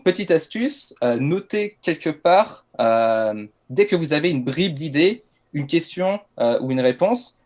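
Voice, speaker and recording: Man, masterclass talk, casual, hesitant fillers, mid pitch. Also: a little mellow. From France. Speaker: LinkedIn content coach. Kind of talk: masterclass presentation.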